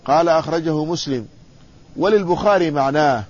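A man's voice: on the high side, fairly quick, a little mellow, dull audio. Man teaching a hadith lesson. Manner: reads quoted text then explains, quizzes students. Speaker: Islamic scholar teaching hadith. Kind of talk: classroom lesson reading and explaining a text.

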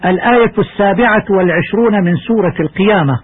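Guy teaching quran recitation on old radio, high voice, slow chanted examples, tinny sound. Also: husky. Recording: tinny narrow-band radio recording.

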